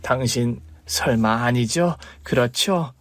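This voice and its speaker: A man's voice: mid-range voice, takes it slowly, a bit bright, dry recording. A man voicing a struggling young mother in a story radio drama, pleading and reproachful toward her husband.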